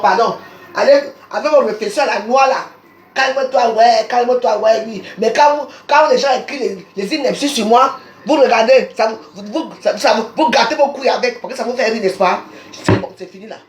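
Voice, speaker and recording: On a phone recording with roomy echo and a little hiss or hum, a Cameroonian woman on the high side of the female range delivers a combative live social media tirade in Cameroonian French. A social media personality, she insults her target repeatedly.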